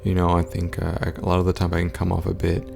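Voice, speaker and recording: A man talking low and quietly, as in a sleeping house at night, in a monotone, stoic way for a casual vlog update. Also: fast, creaky, over music. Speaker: content creator.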